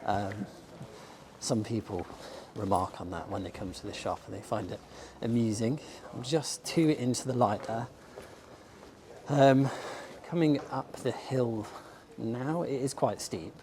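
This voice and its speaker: An Englishman with a medium-pitched voice talks at a measured pace, slightly losing his voice as he films himself on a handheld camera walking up a sunny outdoor shopping street. He's a bookshop owner and vlogger giving a casual walking tour, chatty and enthusiastic with frequent ums. The background is noisy, with faint street ambience.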